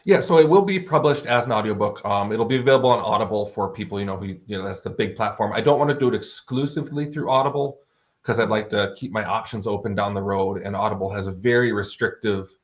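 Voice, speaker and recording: Speaking quickly in a lowish voice, this man is a guest author and audio drama producer swapping anecdotes in a casual interview. The audio quality is dull and lo-fi.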